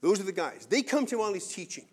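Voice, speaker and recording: A male pastor preaching a sermon in an earnest, conversational way, going from loud to quiet. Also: sits high, lively intonation, rapid-fire, husky. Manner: earnest, conversational preaching with wide swings in loudness.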